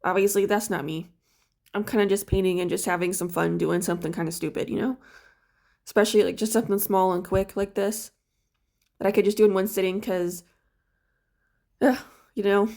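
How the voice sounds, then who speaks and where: A woman's voice: medium pitch, steady tone, brisk, gravelly, pauses often, mellow. A woman who just woke up, chatting casually and rambling with lots of fillers while she paints a small figure for her vlog. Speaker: crafts vlogger.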